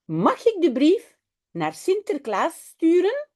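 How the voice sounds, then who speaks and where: A woman's voice: very high voice, huge pitch swings, takes it slowly, darkish tone, voice pushed up, full character voice. A woman voicing a small, eager and slightly naughty boy in a children's storybook.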